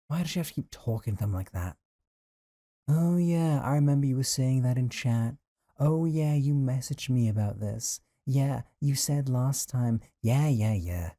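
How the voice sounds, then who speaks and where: In an intimate audio roleplay drama, heard as one side of a call, a male actor voices a possessive young man with a deep, mellow voice. He talks casually and intimately, as if to a close friend, teasing and sighing, with a jealous, bitter, lovesick streak underneath. The sound is close and dry, with no echo.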